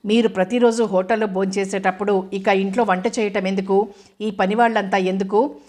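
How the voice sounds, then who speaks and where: A woman's voice: mid-range voice, steady tone, normal speed, a little mellow, close to an everyday voice. Woman reading a hurt, reproachful wife. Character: hurt, angry young wife.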